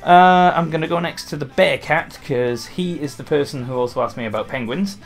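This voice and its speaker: Talking briskly in a fairly high voice, a young gaming YouTuber from Wales fields questions on camera. His light Welsh accent carries a casual, rambling style full of fillers and restarts.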